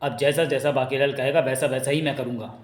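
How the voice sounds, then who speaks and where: A man's voice: mid-range voice, fairly even intonation, a little fast, close to an everyday voice. A man voicing a fat, simple-minded male king who talks naively. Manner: naive, whiny. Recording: echoey room.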